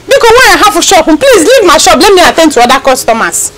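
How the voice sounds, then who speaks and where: An impatient market shopkeeper, high-pitched and very animated as she waves off a customer. The chatter of a busy crowd fills the background. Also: fairly quick. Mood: dismissive. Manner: brusque, dismissive.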